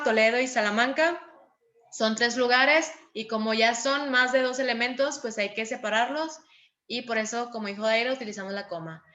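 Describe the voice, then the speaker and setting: A woman teacher giving a class, patient and encouraging, calling on pupils and reading examples with clear intonation. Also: fairly high pitch, a bit bright. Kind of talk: online class lesson.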